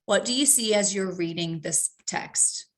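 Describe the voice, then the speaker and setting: A woman's voice: mid-range voice, a little slow. Woman, teacher trainer, practical workshop delivery, frequent filler ums. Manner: practical, repeats key points, frequent ums. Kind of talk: professional development talk.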